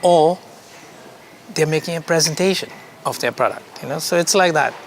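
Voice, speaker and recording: A man from India, a creative director, speaking as an interview guest in a relaxed, thoughtful way, often repeating words as he searches for them and laughing easily. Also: a little high, moderate pace, creaky, a little hiss or hum. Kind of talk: casual conversation.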